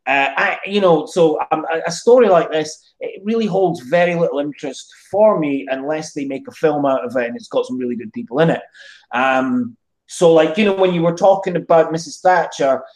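Man, modern British accent, a bit higher-pitched, emphatic opinionated talk, tag questions, echoey room. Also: fairly quick. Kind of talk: opinionated casual discussion. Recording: roomy, echoey sound.

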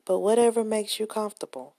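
A woman leading a guided relaxation meditation with gentle, soothing, unhurried instructions in a soft, breathy, husky voice, close to the microphone. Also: mid-range voice, no room sound.

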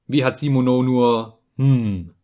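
A man voicing a gruff male companion who grumbles his words. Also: medium pitch, slow pace, dark tone, muffled recording, natural voice. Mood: grumbling.

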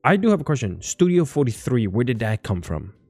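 A man's voice: mid-range voice, big pitch swings, fairly quick, a little mellow, no echo, soft background music. A man hosting a podcast, talking casually in a rambling, enthusiastic way. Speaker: podcast host. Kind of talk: casual interview chat.

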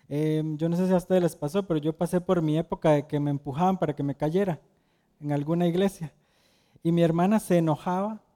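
A man's voice: on the high side, mellow. A young man preaching a casual, conversational sermon. He asks the audience questions and tells personal stories.

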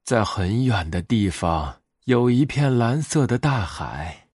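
A man voicing a kindly old grandmother bear in a bedtime story, speaking softly and tenderly. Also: mid-range voice, sing-song, slow, husky, no echo, studio quality, exaggerated voice. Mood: slow, tender. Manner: soft-spoken, gentle, tender.

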